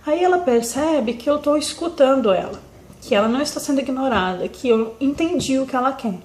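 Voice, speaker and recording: A young woman with a Brazilian accent talks through her parenting experience in a gentle, reflective way. Her voice sits a little high. She often pauses with fillers and restarts. The sound carries a noticeable room echo. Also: lively intonation. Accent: Brazilian Portuguese. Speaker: mother sharing parenting advice. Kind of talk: casual talk to camera. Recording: echoey room.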